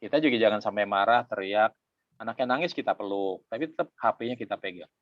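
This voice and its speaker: Middle-aged man, parenting talk, animated, conversational, dry dull sound. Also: fairly low pitch, fast, dry recording. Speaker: parenting speaker.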